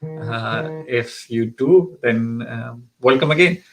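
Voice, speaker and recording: Soft music plays in the background as a Pakistani immigration consultant hosts a live Q&A. He speaks slowly in a mid-range, fairly bright voice, hesitating often with ums and restarts.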